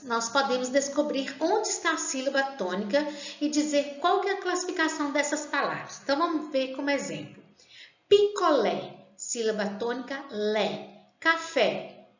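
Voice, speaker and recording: A woman teaching a grammar lesson, speaking slowly and deliberately and drawing out example words. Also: on the high side, a bit bright. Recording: roomy, dull lo-fi sound.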